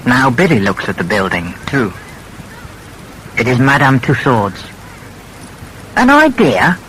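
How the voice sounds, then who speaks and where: Guy reading an easy storybook for learners, super slow, bright voice, bit of noise. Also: mid-range voice, poor audio. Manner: slow, clear, very expressive. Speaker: reader. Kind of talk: reading a graded reader for learners.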